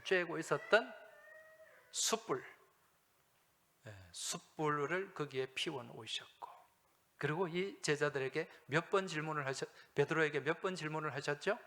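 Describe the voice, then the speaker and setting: A male pastor preaching a sermon, asking the congregation questions and answering them himself, swinging between loud emphasis and hushed asides. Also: fairly high pitch. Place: church sanctuary. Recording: long hall reverb from a church.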